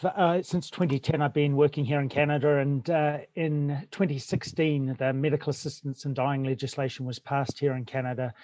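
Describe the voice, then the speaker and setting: Mellow-voiced doctor on a video call. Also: male voice, on the high side, no room sound. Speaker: rural family doctor. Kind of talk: webinar talk.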